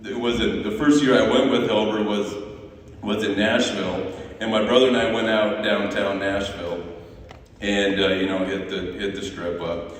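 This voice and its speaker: A man's voice: fairly low pitch, steady tone, normal speed, slight background noise. A man from Montana giving a memorial tribute as a former assistant coach, telling anecdotes with chuckles and frequent restarts. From Montana, USA. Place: large echoey hall at a memorial service. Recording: echoey hall, voice from far off.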